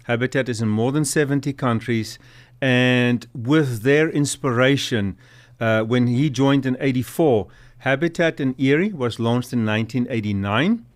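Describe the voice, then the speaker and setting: Guesting on a talk show for a relaxed interview, a middle-aged South African nonprofit executive director tells earnest stories peppered with fillers. His lightly accented voice is medium in pitch and moderately paced.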